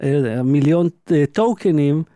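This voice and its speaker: A man's voice: on the high side, animated, warm tone, no room sound, studio quality. A man in casual chat, probing and pressing with questions. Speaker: podcast co-host.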